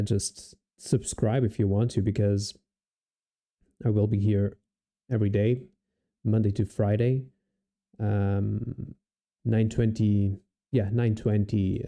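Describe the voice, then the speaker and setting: A man from Portugal with a Portuguese accent, giving relaxed live commentary on his trading and thinking aloud with many restarts and fillers. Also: fairly low pitch, gravelly. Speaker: day trader streaming live.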